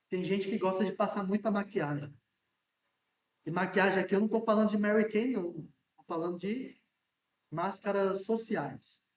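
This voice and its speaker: A man preaching a sermon as pastor in a church, chatty and joking, asking his congregation questions and talking loudly because he is hard of hearing. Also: high voice. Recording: echoey church room from a distance.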